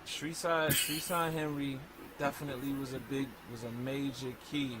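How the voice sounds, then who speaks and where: A man who raps, talking in a casual interview in an animated, slangy way and reciting lyrics mid-sentence. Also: mid-range voice, moderate pace, noisy background. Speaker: rapper.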